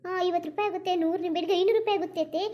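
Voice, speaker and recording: A woman's voice: very high-pitched, steady tone, rapid-fire, muffled recording. Woman doing a chirpy naive daughter-in-law. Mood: chatty. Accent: Kannada. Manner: chatty, pleading, sing-song. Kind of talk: cartoon voice acting.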